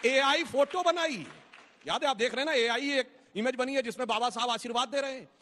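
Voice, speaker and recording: Bright high man citing sources in debate. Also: long reverb tail, slight background noise. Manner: measured, cites documents and quotes sources. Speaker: TV debate panelist. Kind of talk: TV debate argument.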